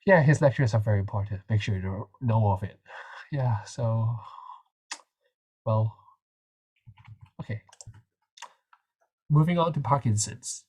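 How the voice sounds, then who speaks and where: A young man with a nasal, slightly husky voice talks through quiz answers. His delivery is casual and hesitant, full of little fillers and restarts. He sounds like a student tutor running a relaxed revision session. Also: fairly low pitch, a little slow, long pauses. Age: young adult. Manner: chatty, hesitant, many fillers.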